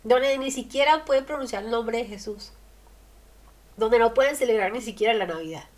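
A woman preaching a radio sermon, emphatic, asking rhetorical questions and swinging between loud and soft. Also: on the high side, moderate pace.

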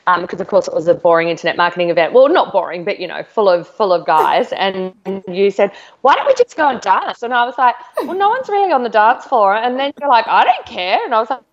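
A woman's voice: mid-range voice, very animated, fast talker, few pauses, highs cut off. An enthusiastic woman hosting a podcast interview, effusive and chatty with many fillers. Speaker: podcast host. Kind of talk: casual interview chat.

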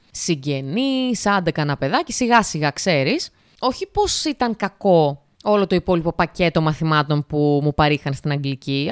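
Speaking directly to her audience, this young woman runs a chatty solo podcast full of filler phrases. Her voice is mid-range, captured in clean studio quality with no room sound.

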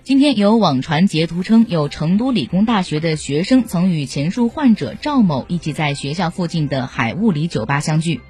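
Husky woman news reader. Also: on the low side, lively intonation, moderate pace, hardly any pauses, a little mellow, soft background music. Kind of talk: formal scripted news reading.

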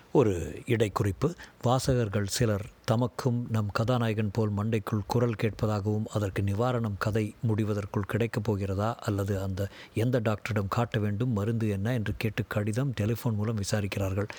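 A man reading a story aloud as scripted narration, in a steady, measured way. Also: lowish voice, husky. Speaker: audiobook reader.

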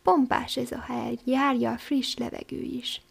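A woman's voice: on the high side, little pitch movement, vocal fry, husky, heavily acted. A woman voicing a restless, proud young male swallow who talks bluntly in a storybook reading. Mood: fussy. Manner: chatty and blunt.

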